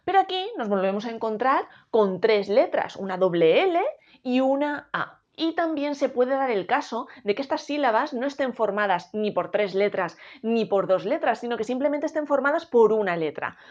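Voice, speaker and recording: A woman from Spain explaining a grammar lesson in clear, slow teacher talk, breaking words into syllables one by one. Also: fairly high pitch, sing-song, a little mellow, dull audio. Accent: Spain Spanish. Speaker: educator.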